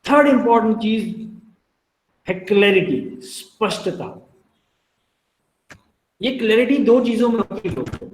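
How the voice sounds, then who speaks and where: Indian male trainer, high-pitched, friendly explainer, lecture in a reverberant room. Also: very animated, unhurried, pauses often. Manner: explains with everyday examples, addresses listeners as friends. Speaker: telecalling trainer. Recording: echoey room.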